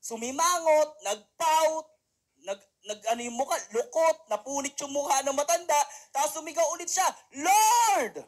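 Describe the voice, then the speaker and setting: A woman's voice: high voice, moderate pace. A woman giving a motivational seminar talk, telling a story and constantly asking the audience for responses. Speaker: motivational speaker.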